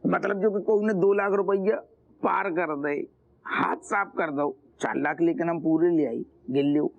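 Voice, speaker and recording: Brief: a fawning small-town cop, high voice, dull muffled audio. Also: male voice, steady tone, unhurried, creaky. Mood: deferential. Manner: rustic, deferential to his boss. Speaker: police officer. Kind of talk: sitcom acting.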